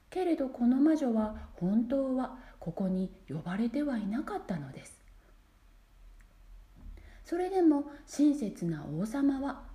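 Storybook narrator: a woman with a high, animated, mellow voice, gentle measured reading, echoey room. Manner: gentle, measured reading with dropping whispered phrase ends. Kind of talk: scripted fairy-tale narration.

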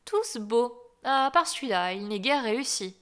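A woman's voice: fairly high pitch, lively intonation, unhurried, a bit bright. A woman voicing a grand, haughty old female duck who speaks down to others in a storybook.

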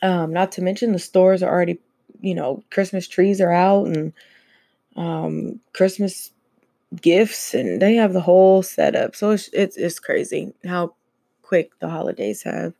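A woman hosting a casual solo podcast, chatting with plenty of fillers and easy laughs. Her voice is low, dark and gravelly, with a bit of fry. The sound is close and dry. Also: steady tone, a little slow, no echo. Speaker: podcast host.

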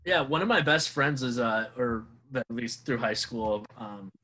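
A man guesting on a sports podcast, trading profane, animated banter. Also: mid-range voice, a little slow, crowd noise. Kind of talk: casual podcast chat.

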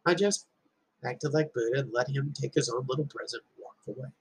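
A middle-aged man speaks to a group in a brisk, mid-range voice with a breathy edge, captured on a rough recording. Earnest and emphatic, he shares a personal story as a parent and repeats key lines for emphasis.

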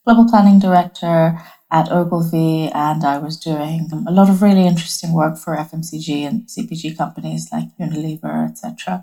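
A woman's voice: sits low, warm tone. A woman from Bangladesh, an advertising strategist, talking as a guest in an interview from her home office. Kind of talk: conversational interview.

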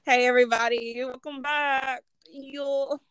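A woman's voice: sits high, steady tone, unhurried, fairly bright tone, clear, resonant tone, no room sound, studio quality. A woman co-hosting a podcast in casual chat, slangy and playful, laughing often. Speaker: podcast co-host.

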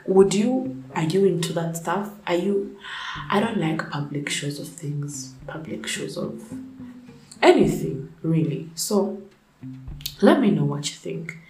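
A woman's voice: sits low, darkish tone, echoey room, low-quality recording. A young woman who is sick and whose voice is off rants bluntly and profanely in a casual opinion vlog. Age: young adult. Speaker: vlogger.

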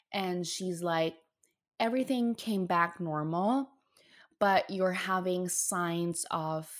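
Young woman talking through her own story, kinda low voice, earnest and a bit emotional, lots of ums and likes. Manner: earnest, emotional, speaks in bursts with many fillers. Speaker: storyteller sharing a health journey. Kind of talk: casual personal storytelling.

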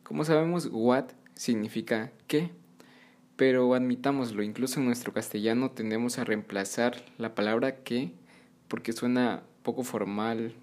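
A man hosting a podcast language lesson, patiently repeating English phrases slowly for beginners. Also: mid-range voice, fairly even intonation, a little mellow. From Mexico. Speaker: podcast host and English teacher.

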